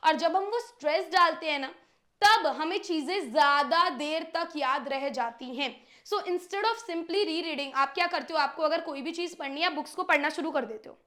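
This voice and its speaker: A woman's voice: sits high, moderate pace, sharp tone. A young woman teacher giving students study tips, talking straight to them and acting out their questions.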